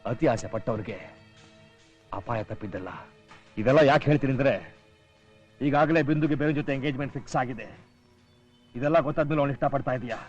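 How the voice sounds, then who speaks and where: An actor playing a stern elder brother and head of the family, commanding and lecturing in a film drama. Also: male voice, mid-range voice, fast, long pauses, highs cut off, soft background music, lightly acted.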